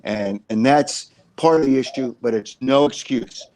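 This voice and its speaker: A man's voice: mid-range voice, measured pace, a little mellow, dry recording, poor audio. Rambling male sports co-host, dry sound. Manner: rambling, repeats himself, many uhs. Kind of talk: casual sports analysis chat.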